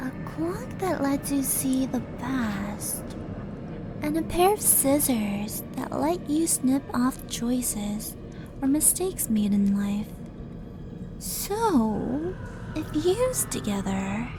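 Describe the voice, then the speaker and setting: A woman plays a sadistic, flirtatious demon princess in an ASMR roleplay audio drama, teasing and mock-sweet in a theatrical, scheming, sardonic way. Her high-pitched, very animated voice moves slowly in a full character voice, with music playing underneath.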